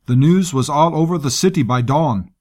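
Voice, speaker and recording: A man's voice: a little high, normal speed, darkish tone, pitched above the performer's own voice, lightly acted. A man voicing a brash, scarred male military commander with a harsh, taunting manner. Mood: defiant.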